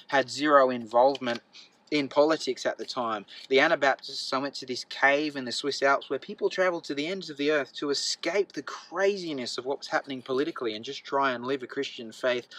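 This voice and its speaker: A man giving a public talk in a chatty, anecdotal way, with frequent ums and uhs, growing excited as he goes. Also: mid-range voice, a little fast, low-quality recording. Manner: gets excited as he talks.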